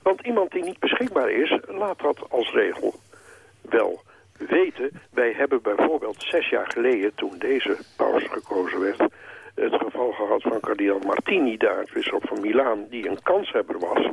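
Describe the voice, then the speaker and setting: A man on the phone as a church historian guest, explaining in a measured way with some hesitations. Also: lowish voice, expressive, creaky, husky, low-quality recording. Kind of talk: phone interview.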